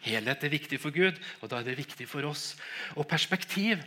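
Bright-voiced middle-aged man preaching. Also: fairly high pitch, lively intonation. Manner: emotional storytelling, stammering restarts, frequent laughs. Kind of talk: sermon with personal testimony.

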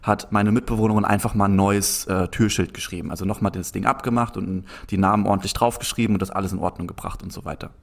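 A young man with a lowish voice tells a long, rambling anecdote in relaxed conversation. He talks in an animated way, keeps restarting his sentences, and leans on filler words. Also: fast talker, vocal fry, hardly any pauses. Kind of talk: casual storytelling in conversation.

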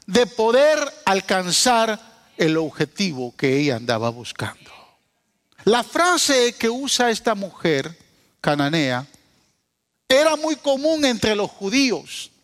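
A man preaches a sermon in a high, bright voice that leaps up and down as he goes. He drops to hushed asides, then rises to raised cries. The sound carries a long reverb from the church hall. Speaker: pastor.

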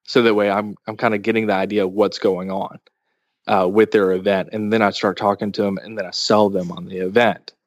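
A man's voice: on the low side, little pitch movement, fairly quick, no room sound, muffled recording. A man co-hosting a podcast, chatting casually and telling long anecdotes. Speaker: podcast co-host.

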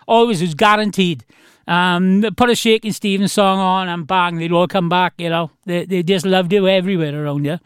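A man with a South Wales Valleys accent and a high, clean voice hosts a casual chat. He rambles on in a matey, effusive way, as an interviewer among friends. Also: steady tone, normal speed, smooth, no room sound, clean studio sound. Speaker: radio host, interviewer.

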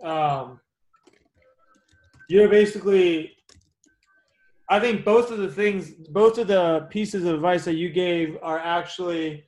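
A man's voice: high voice, slow, pauses often, a little mellow, low-quality recording. A man hosting a podcast interview, talkative and encouraging as he sums up advice. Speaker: podcast host. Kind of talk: casual interview.

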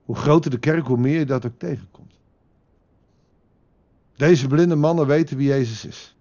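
A man preaching a devotional sermon, speaking with passion and rising to emphatic peaks, then growing quiet as he prays. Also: medium pitch, normal speed, highs cut off.

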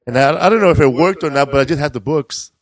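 A man's voice: a little high, fast, no room sound. A middle-aged man, a comedian and host, telling stories in a casual, rambling and profane way. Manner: profane, rambling, laid-back delivery. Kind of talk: casual storytelling chat.

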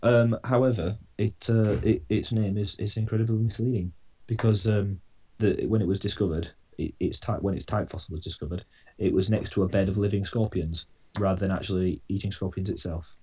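Male co-host, low dark husky voice, dry and sweary, casual chat. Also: fairly even intonation, brisk. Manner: dry, swears casually, presents dinosaur list. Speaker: podcast co-host.

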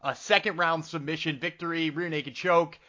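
Bright, forceful male sports podcast host. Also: on the high side, fairly even intonation, normal speed. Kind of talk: casual sports talk show hosting. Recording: slightly dull, lo-fi sound.

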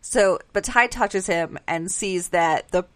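A woman co-hosting a casual podcast, quickly recapping a TV episode in a chatty way. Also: lowish voice, a loud crowd. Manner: quick, animated recapping with quoted voices. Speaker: podcast co-host.

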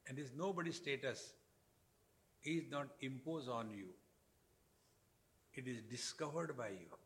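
Male spiritual teacher, Indian accent, discourse delivery in short emphatic phrases, medium-pitched voice. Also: a little slow, a bit bright, a little hiss or hum. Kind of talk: spiritual discourse with Sanskrit verse.

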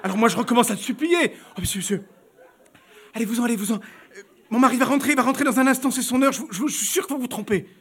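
A man's voice: very high-pitched, expressive, fast, a bit bright, husky, voice pushed up, full character voice. A man reading aloud and voicing a panicked young baroness who stammers and pleads. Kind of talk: audiobook reading.

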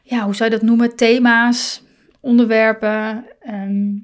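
Woman, middle-aged, podcast host, slightly high voice, gentle hesitant monologue. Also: measured pace. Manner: calm, hesitant, many fillers and self-questions.

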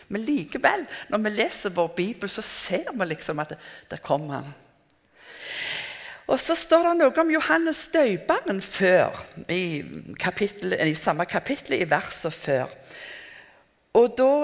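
An older woman giving a reflective, conversational sermon, often pausing to restart her thoughts. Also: mid-range voice. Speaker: preacher. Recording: reverberant hall.

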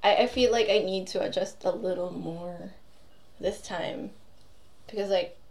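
A woman's voice: mid-range voice, measured pace. A young woman from the Philippines chatting casually as a podcast co-host, telling stories with lots of giggles. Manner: giggly, animated storytelling. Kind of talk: casual chat.

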